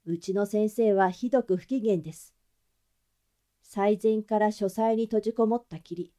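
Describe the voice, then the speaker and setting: A woman's voice: medium pitch, moderate pace, warm tone, close to an everyday voice. A woman voicing a talkative, breezy young male assistant. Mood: chatty.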